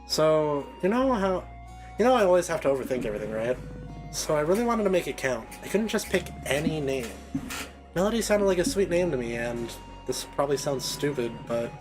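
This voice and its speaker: A man's voice: mid-range voice, lightly acted. A man reading game dialogue as an earnest, self-doubting young animal girl who dreams of adventure.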